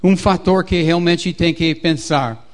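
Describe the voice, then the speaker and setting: An American man, a native English speaker with an American accent, gives a public lecture as an economist in halting, non-native phrasing. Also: a little high. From United States. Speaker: agricultural economist, guest speaker.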